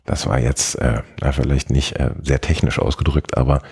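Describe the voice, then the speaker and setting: A man's voice: a bass voice, fairly even intonation, moderate pace, a little mellow, slightly rough. A man co-hosting a casual tech podcast, explaining step by step with many hesitations and fillers. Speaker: podcast co-host.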